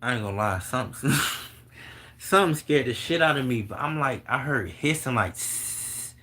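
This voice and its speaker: Bright-voiced, blunt, cursing young man. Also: medium pitch, animated, moderate pace. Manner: profane, blunt, laughs often. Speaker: vlogger answering viewer questions. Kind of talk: casual spiritual monologue.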